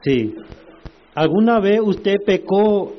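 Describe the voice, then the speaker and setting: Male preacher, high voice, drawn-out emphatic sermon, dull lo-fi sound. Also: lively intonation. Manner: slow, emphatic preaching with rhetorical questions.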